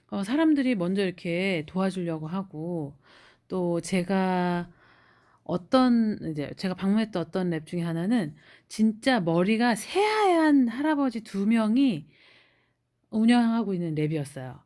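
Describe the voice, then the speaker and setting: A woman's voice: mid-range voice, a little mellow. Chatty encouraging woman in her forties. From South Korea. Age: 40s. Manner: chatty and encouraging, with many fillers. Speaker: immigrant sharing a job-hunt story. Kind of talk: casual storytelling vlog.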